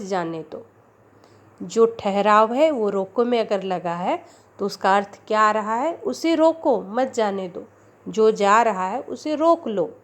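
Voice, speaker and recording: A woman teacher explaining grammar in a slow, deliberate way, repeating example sentences. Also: medium pitch. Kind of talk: Hindi grammar lesson.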